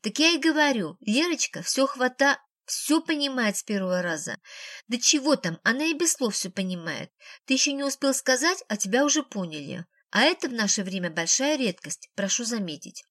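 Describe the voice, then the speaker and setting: A woman's voice: a little high, sing-song, brisk, a bit bright, dry recording, clean studio sound. A woman voicing a strict, talkative grandmother who fusses over her family, in an audiobook. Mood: chatty. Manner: bossy, fussing, talkative.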